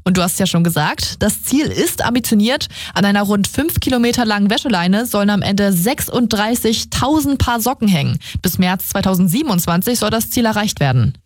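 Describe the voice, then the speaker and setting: A woman's voice: medium pitch, animated, a little fast, few pauses, dry recording. Friendly woman radio reporter, dry studio.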